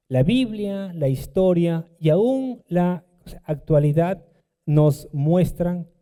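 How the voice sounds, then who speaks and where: Pastor guy preaching slow, real mellow dark voice, reads the verses then retells them with big rises. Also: fairly high pitch, big-room sound. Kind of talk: sermon. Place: church.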